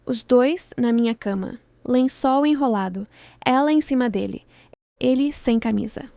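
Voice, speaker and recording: A woman narrating a scripted first-person story with a dramatic, measured delivery in short phrases. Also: on the high side, gravelly, warm tone, dry recording.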